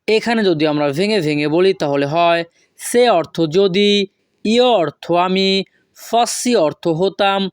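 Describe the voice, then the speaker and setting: A woman teaching a language lesson from a script, saying each phrase slowly and breaking it into single words. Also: on the low side, no room sound, studio quality. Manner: slow, careful, spells out words one by one.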